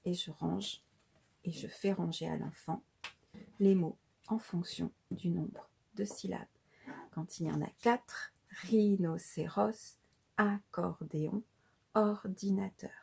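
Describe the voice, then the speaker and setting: A woman, a preschool teacher slowly explaining a lesson to parents and spelling out syllables with care. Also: on the low side, fairly even intonation, creaky, mellow, breathy edge. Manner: slow and deliberate, spelling out syllables. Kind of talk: slow instructional explanation for parents.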